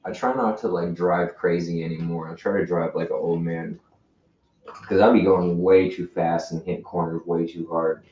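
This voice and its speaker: A man's voice: low voice, fairly even intonation, normal speed, darkish tone. A young man co-hosting a podcast in casual, slangy chat with plenty of swearing. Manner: laid-back, swears a lot, slangy. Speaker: podcast co-host. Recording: roomy, distant, dull lo-fi mic with faint hiss.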